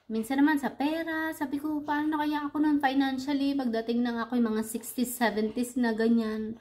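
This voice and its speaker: A woman from the Philippines speaks in a casual, confiding vlog monologue. Her voice sits a little high. She talks in a reflective, rambling way and often pauses to restart a thought. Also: slight background noise. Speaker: vlogger.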